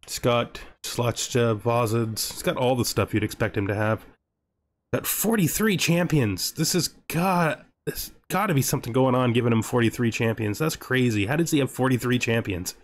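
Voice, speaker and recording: Playing a strategy game with background music, a gaming video host offers casual commentary, reasoning aloud to himself. He speaks at normal speed in a mid-range voice.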